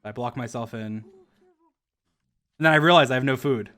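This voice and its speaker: A man's voice: medium pitch, normal speed, a bit bright, clean tone. A young man streaming and talking through his own gameplay video, rambling casually with lots of fillers and laughter. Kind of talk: casual commentary over gameplay.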